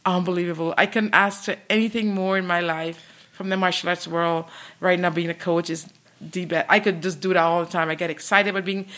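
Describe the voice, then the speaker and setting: A woman's voice: on the low side, fairly even intonation, brisk, a bit bright. A woman in her sixties with a Canadian accent, telling her story as a guest on an interview podcast with eager, repetitive enthusiasm. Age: 60s. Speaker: guest, martial arts coach.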